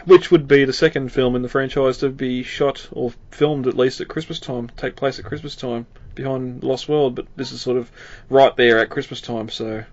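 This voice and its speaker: A man's voice: mid-range voice, fairly even intonation, normal speed, few pauses, a little mellow, no room sound, highs cut off. Rambling man chatting about films. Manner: rambling, many fillers, chuckles often. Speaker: podcast co-host. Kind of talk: casual film discussion.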